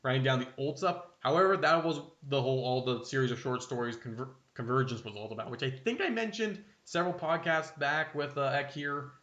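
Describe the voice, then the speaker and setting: A man's voice: medium pitch, a little fast, few pauses, fairly bright tone. A young man from Canada, co-hosting a casual podcast and rambling with many self-interruptions. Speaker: podcast co-host. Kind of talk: casual chat. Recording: dull, roomy home recording.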